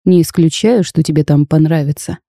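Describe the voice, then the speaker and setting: Woman reading cursed dragon duke, male, curt, flat, reserved, storybook, dark mellow tone. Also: sits low, brisk, no echo, clean studio sound. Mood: cold.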